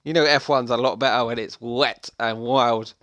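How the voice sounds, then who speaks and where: A young man commentating a sim racing league, excitable and chatty with casual slang. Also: mid-range voice, normal speed, no echo, clean studio sound. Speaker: race commentator.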